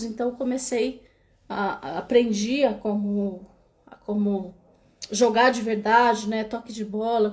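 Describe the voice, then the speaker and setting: A woman's voice: fairly high pitch, darkish tone. A young woman from São Paulo with a Brazilian accent, hosting a casual livestream and telling her story with many restarts and filler tags. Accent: São Paulo Brazilian Portuguese. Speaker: live-stream host. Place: home in Spain. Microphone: webcam or phone camera.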